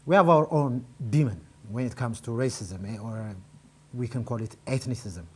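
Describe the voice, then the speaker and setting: A man hosting an interview, asking careful, measured questions. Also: medium pitch, husky. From Ethiopia. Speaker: host.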